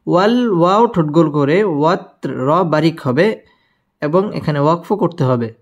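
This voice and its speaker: A man teaching Quran recitation with tajweed, spelling out each verse and then chanting it slowly and melodically between brisk explanations. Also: a little high. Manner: slow drawn-out melodic recitation alternating with quick spoken explanations.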